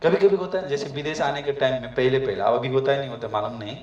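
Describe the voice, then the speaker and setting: A man's voice: medium pitch, fast, a little mellow, distant mic, dull audio. Man from Nepal preaching in an echoey room. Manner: asks the audience questions often. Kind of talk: devotional talk to migrant workers. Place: room abroad with a gathering.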